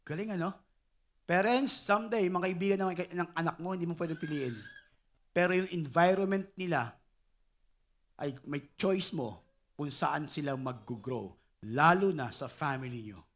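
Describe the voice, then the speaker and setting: A middle-aged man delivers a sermon from the pulpit, his voice sitting noticeably high. He preaches with animation, constantly turning to the congregation to check that they are following. The overall effect is an energetic pastor in full flow. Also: normal speed. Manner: animated, repeatedly calls on the congregation for responses.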